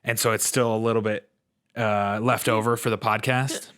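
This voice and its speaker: A man hosting a casual podcast and pitching his own coaching service in an upbeat, salesy way, with a slight gravel in his voice. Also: flat delivery, moderate pace, a bit bright. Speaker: podcast host and strength coach.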